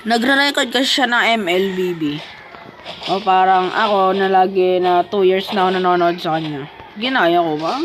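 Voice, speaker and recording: A woman's voice: medium pitch, normal speed, slight background noise, poor audio. A woman chatting playfully as she comments on her own mobile gameplay. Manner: playful, chatty, self-talking while playing. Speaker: gaming vlogger.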